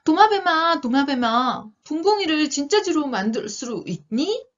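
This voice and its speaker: A woman voicing a small, lonely young mouse in a picture-book reading, speaking in a high, pleading way. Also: sing-song, measured pace, dull audio.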